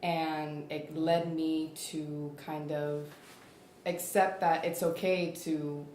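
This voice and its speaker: A woman in her twenties speaking slowly and reflectively as a guest in a casual group chat. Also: low-pitched, level tone. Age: 20s. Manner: slow, reflective, soft-spoken. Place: studio room with a table of friends. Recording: roomy echo, faint hiss.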